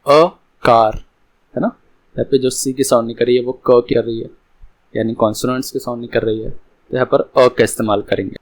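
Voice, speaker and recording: A man teaching English grammar in a lesson, explaining slowly and repeating each example. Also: medium pitch, fairly even intonation, low-quality recording.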